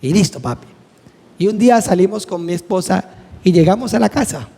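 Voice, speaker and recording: This high, warm voice carries a creaky, breathy edge and lively intonation, moving a little fast. It belongs to a middle-aged man earnestly teaching a church class and vividly performing the dialogue from his personal anecdotes. The recording echoes with long hall reverb.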